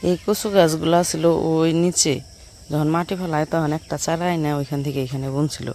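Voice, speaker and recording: A woman's voice: sits low, fairly even intonation, brisk, warm tone, a little hiss or hum. Woman coaxing a child. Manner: coaxing a small child to write. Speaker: village vlogger. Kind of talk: casual family vlog narration. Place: village home, outdoors.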